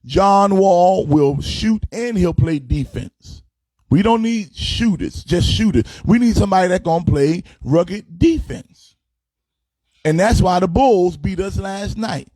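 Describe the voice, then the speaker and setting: A man in his forties, a pastor hosting a casual sports talk show, animated and trash-talking as he speaks straight to fans and players. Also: high-pitched, takes it slowly, no room sound, studio quality. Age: 40s. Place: his home sports studio.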